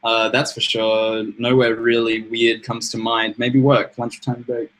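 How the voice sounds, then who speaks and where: A man's voice: mid-range voice, monotone, a little slow, a bit bright, rough recording. Rambling young man co-hosting. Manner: rambling, self-interrupting, laughs often. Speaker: podcast co-host. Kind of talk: casual chat.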